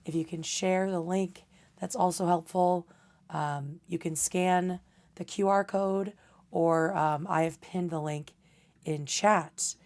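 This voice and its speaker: A woman's voice: lowish voice, steady tone, slow, a little mellow. A young adult woman hosting a livestream and chatting casually in a loose, rambling way. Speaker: livestream host.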